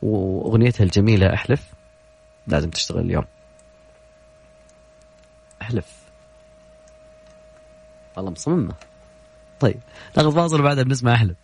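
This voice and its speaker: Fast-talking Saudi radio host. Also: male voice, on the low side, expressive, gravelly, darkish tone, a little hiss or hum. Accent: Saudi Gulf Arabic. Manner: chatty, joking with callers. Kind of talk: call-in radio show chat.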